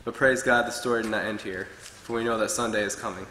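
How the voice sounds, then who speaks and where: With fairly even intonation and a quick pace, a young adult man preaches a short sermon from his notes at a pulpit, his low-leaning voice bright and forceful. The setting is a wood-paneled church hall that echoes with long reverb. Slight background noise is present.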